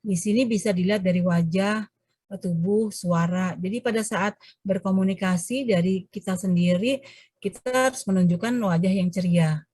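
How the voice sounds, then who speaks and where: A woman lecturer speaks to her class over a video call, her voice sitting at an ordinary middle pitch. She explains things step by step, pausing often to hesitate and correct herself. She lifts her tone now and then to demonstrate an example. The sound is dry, with no room echo. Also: darkish tone, breathy edge. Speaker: university lecturer.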